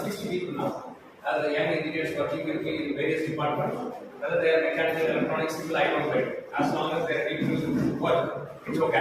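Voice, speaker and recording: A middle-aged man giving an informal, interactive lecture, conversational and often checking with his listeners. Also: a little high. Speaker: guest lecturer from industry. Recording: echoey hall, distant mic, noisy background.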